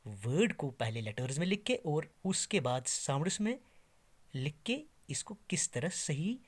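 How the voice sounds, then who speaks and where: Man, English teacher, slow careful delivery, stretched-out example words, animated pitch. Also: slightly rough. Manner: slow, deliberate, drawn-out word by word demonstrations. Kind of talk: classroom lesson.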